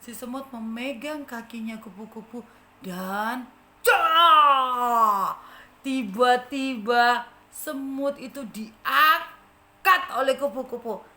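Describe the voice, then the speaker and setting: A woman's voice: a little high, slow pace, bright, forceful tone. A woman with an Indonesian accent telling a children's story in church, often asking the children questions. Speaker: Sunday school teacher. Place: church hall. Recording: echoey church hall, faint noise.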